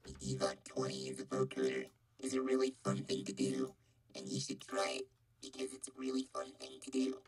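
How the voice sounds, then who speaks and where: A man's voice: mid-range voice, completely flat delivery, fairly quick, vocal fry, pauses often, darkish tone, breathy edge, pitched above the performer's own voice. A man's voice run through a vocoder with formant shifting, which gives it a synthetic, robotic sound. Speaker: music production instructor. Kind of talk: demonstration sample, repeated phrase.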